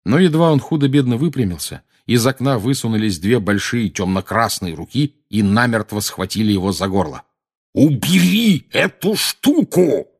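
Male audiobook narrator, low and husky, steady and measured.

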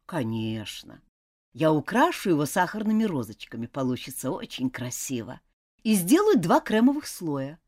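A woman voicing a polite, helpful baker woman who speaks calmly and obligingly in a storybook reading. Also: sits low, normal speed, pitched below the performer's own voice.

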